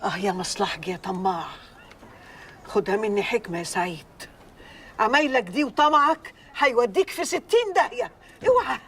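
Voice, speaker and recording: A woman's voice: fairly high pitch, animated, a little fast, a bit bright, slightly rough, distant mic, full character voice. An actress playing a scolding older mother with an Egyptian accent, heaping insults on her son. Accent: Egyptian Arabic.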